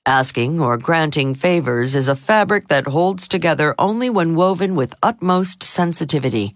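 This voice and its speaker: A woman narrating a self-help audiobook in a steady, measured reading voice. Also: deep voice, no echo, studio quality. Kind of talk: scripted narration.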